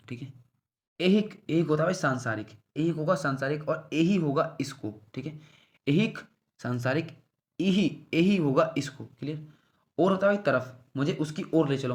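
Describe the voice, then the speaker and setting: A male tutor with a slightly raised pitch running through a casual revision lesson. He talks to the listener like a buddy. He says each word and its meaning several times over and keeps asking whether it is clear. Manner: calls the listener "bhai", speaks informally. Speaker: exam prep teacher.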